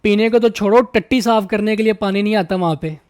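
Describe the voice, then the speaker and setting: Mocking roast host, dry sound. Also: male voice, sits high, brisk, a little mellow, dry recording. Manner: insulting, mocking, ranting. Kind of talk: roast commentary.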